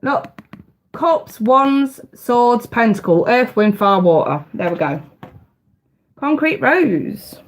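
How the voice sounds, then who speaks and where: A woman hosts a live tarot stream in a casual, chatty way, speaking directly to her viewers while sounding congested. Her voice is fairly high and expressive, and she talks slowly.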